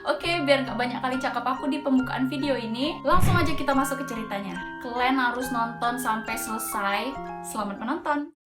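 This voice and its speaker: A young woman from Medan, Indonesia, with a Medan accent and a high, fairly quick voice, hosts a casual horror segment telling a mountain ghost story. She's chatty and slangy, tossing in plenty of filler interjections. The room is echoey, with background music.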